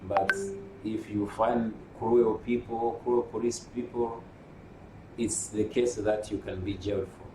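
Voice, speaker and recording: A man from Malawi, a union secretary general, explaining things carefully in an interview, with frequent pauses. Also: lowish voice, flat delivery. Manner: measured, explanatory, with hesitations. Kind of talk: interview answers. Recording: roomy, distant mic with noise.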